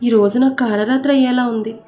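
A proud, devout young woman in a storybook tale, pleading one moment and defiant the next, as a woman narrator voices her. Her voice is fairly high with a dark, mellow tone. Soft music plays underneath. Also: fairly even intonation, quick pace, close to an everyday voice. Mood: tearful pleading. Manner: pleading and defiant, prays aloud.

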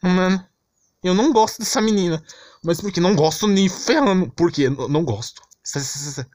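An exasperated young Brazilian vlogger complains his way through an improvised, slang-heavy anime rant. He speaks fairly quickly in a high-pitched voice with a darkish tone, recorded dry.

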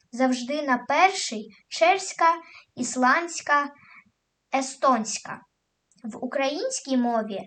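A woman teacher giving a scripted lesson, stressing each example word clearly. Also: high-pitched, a bit bright. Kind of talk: scripted educational narration.

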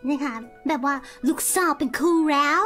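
A woman's voice: sits high, steady tone, moderate pace, fairly bright tone, soft background music. A woman streamer playing an English teacher, theatrical and exaggerated in a playful chat.

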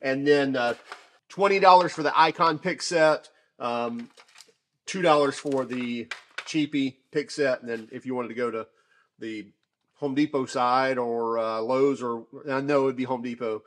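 A man casually reviewing shop tools off camera, talking in a chatty, relaxed way with many fillers and restarts. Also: medium pitch, unhurried. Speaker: tool reviewer.

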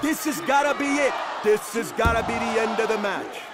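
High-pitched, excitable lucha libre commentator man. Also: moderate pace. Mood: excited. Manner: bantering, emphatic. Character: excitable, wisecracking male wrestling commentator. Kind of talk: lucha libre announcer commentary in a wrestling video game. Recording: loud arena crowd and music behind.

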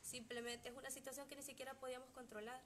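A woman's voice: sits high, level tone, a bit bright, slight background noise. Indignant young Salvadoran woman. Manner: indignant and heartfelt, with pauses and fillers. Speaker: youth band member making a statement. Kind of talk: earnest public statement.

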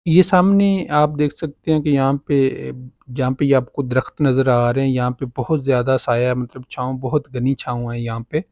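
Walking outdoors around a farm property, an agent with a Pakistani Urdu accent casually points things out, his talk heavy with fillers. His medium-pitched, slightly mellow voice is steady and moderately paced. A handheld phone records him close, dry and without echo, though the sound is muffled.

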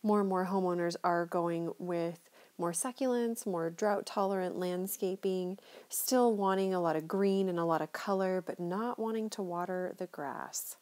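A woman's voice: lowish voice, normal speed, hardly any pauses, darkish tone. A middle-aged woman chatting enthusiastically as she narrates a tour of her neighborhood from inside a moving car. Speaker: local real estate tour guide.

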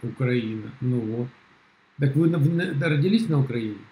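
A middle-aged man argues over a video call from a room at home. His voice sits at an ordinary pitch, and his replies come blunt, scornful and dismissive. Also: animated, moderate pace, crowd noise, low-quality recording. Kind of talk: heated casual argument.

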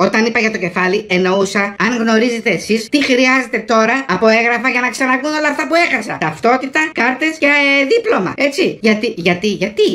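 A woman acting a middle-aged male patient in a comic audio sketch, rambling and excitable, his voice shooting up whenever he gets worked up about being robbed. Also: a little high, hardly any pauses. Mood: agitated. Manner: excitable, rambling, voice jumping up when upset.

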